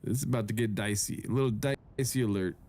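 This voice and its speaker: A man's voice: fairly low pitch, fairly quick, warm tone. Laid-back man bantering, heavy on "dude". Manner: loose, profane banter with frequent "dude". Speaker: podcast co-host. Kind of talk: casual chat.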